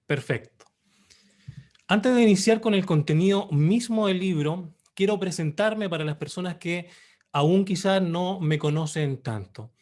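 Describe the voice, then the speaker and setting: Presenting his book online, a man in his thirties with a Chilean Spanish accent talks in a formal, measured way, with pauses and hesitations between phrases. His pitch is slightly raised, and his tone is a little mellow.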